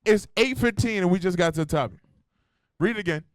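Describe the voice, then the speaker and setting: A man preaching in a high voice with a blunt, slangy, profane delivery. He keeps challenging the room with rhetorical questions. The sound is dry and close. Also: a little fast, clear, resonant tone, no room sound. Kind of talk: street-style sermon. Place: church meeting hall.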